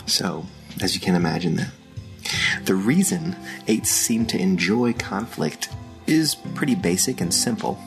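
Slow-spoken Austrian-accented man, very low gravelly voice. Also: very animated, faint music behind. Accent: Austrian German. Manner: slow, thoughtful, with frequent fillers. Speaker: podcast host. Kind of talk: solo podcast teaching.

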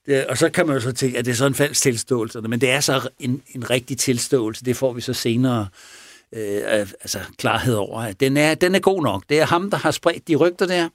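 A man casually retelling a true crime story, animated and chuckling as he goes, often checking in with his listener. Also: medium pitch, no echo, studio quality. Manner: chuckling, animated, asks for agreement.

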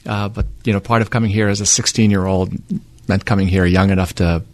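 A Lebanese man, a native Arabic speaker with a light Lebanese accent, appears as a radio guest in a conversational interview. His low, steady, slightly mellow voice moves fairly quickly with no echo, and he comes across as earnest and thoughtful, using many fillers and restarts.

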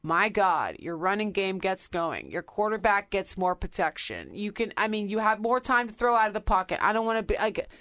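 A woman's voice: mid-range voice, expressive, moderate pace, hardly any pauses, fairly bright tone. A woman hosting a sports podcast, giving emphatic, fired-up opinions in casual talk. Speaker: podcast host.

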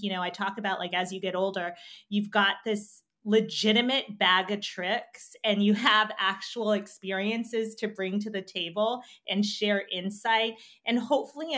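Young adult US woman, guest, earnest and reflective, mid pitch, talks with fillers. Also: bright, forceful tone. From United States. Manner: earnest, thoughtful, many fillers. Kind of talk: reflective conversation.

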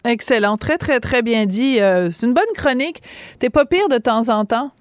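A woman's voice: fairly high pitch, clear, resonant tone, no echo, studio quality. A woman with a Québécois French accent hosting a radio talk show, chiming in and laughing easily. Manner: lively, quick to laugh and chime in. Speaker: radio host.

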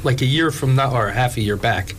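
A man's voice: mid-range voice, brisk, a bit bright. A man co-hosting a radio show, explaining things in casual conversation. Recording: faint background noise.

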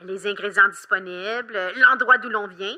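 A woman explaining things to children on a kids' show in a patient, friendly way, pausing with fillers as she looks things up. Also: mid-range voice, sharp tone. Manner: patient, explanatory, hesitant fillers while searching. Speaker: children's show expert guest.

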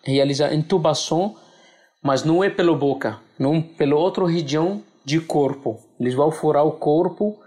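High-voiced man telling a personal story. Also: a little mellow. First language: Arabic. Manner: simple, halting non-native Portuguese phrasing. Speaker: interview guest.

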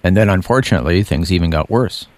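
Deep-voiced male interview host. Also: quick pace, no echo. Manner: calm, affirming, frequent murmured agreement. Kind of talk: faith-based interview.

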